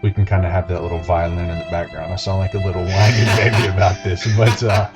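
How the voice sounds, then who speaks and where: A man's voice: deep voice, level tone, quick pace, loud music behind the voice. A young man co-hosting a sports podcast, rambling in a folksy way. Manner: rambling, folksy, says "y'all" a lot. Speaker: podcast co-host. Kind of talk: casual sports chat. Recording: dull lo-fi sound.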